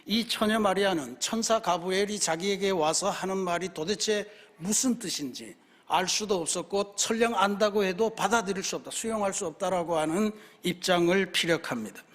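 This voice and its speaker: A man, the senior pastor, preaching a Sunday sermon in an earnest, explanatory way and asking rhetorical questions. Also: sits high. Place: church sanctuary. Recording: long reverb of a church hall.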